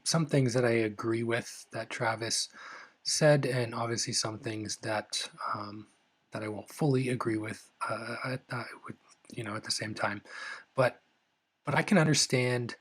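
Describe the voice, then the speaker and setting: A young adult man talks alone into the mic for his podcast. He speaks in an earnest, measured way, often restarting a sentence. His voice is a little husky, at an ordinary pitch. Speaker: podcast host. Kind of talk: solo podcast commentary.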